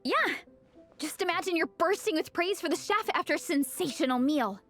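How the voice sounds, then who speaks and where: Gung-ho young club captain, very high and lively, quiet music behind; game cast. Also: female voice, normal speed. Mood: eager. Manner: enthusiastic, earnest. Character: eager young woman leading a fan club. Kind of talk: game dialogue.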